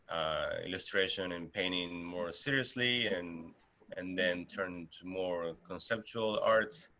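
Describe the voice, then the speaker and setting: Deep-voiced man from Argentina, unhurried. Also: fairly bright tone. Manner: unhurried, many fillers and restarts. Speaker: guest artist. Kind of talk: casual interview talk.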